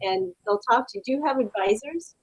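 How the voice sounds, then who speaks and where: Woman, webinar host, higher pitch, dry close sound on a video call, chatty with fillers. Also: animated, a little fast, no room sound, poor audio. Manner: chatty, reads out viewer questions, many fillers. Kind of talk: live webinar Q&A.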